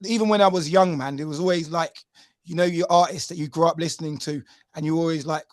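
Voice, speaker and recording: Male podcast host, slightly high, talkative and loose, dry close mic. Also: steady tone, fast, no room sound. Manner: chatty, filler-heavy, keeps asking "you know what I mean". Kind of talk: casual podcast interview.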